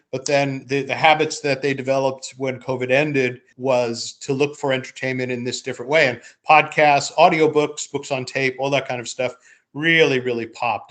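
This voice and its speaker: A man with a medium-pitched, fairly bright voice hosts a podcast in a casual, conversational way. A playwright and producer, he rambles reflectively and often repeats words as he talks.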